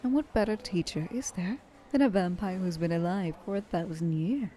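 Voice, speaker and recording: In an ASMR roleplay, a woman plays an ancient, wealthy female vampire, coaxing the listener like a flirtatious, patronizing mentor. Her low, soft-edged voice is very mellow, and she often drops into breathy whispers in an intimate, teasing mood. There's noticeable noise behind her.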